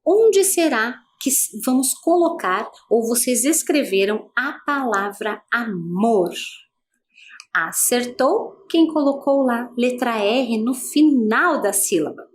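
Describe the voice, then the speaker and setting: A woman's voice: a little high, lively intonation, takes it slowly, few pauses. A female teacher with a Brazilian Portuguese accent, giving an adult-education video lesson, patient and asking many guiding questions.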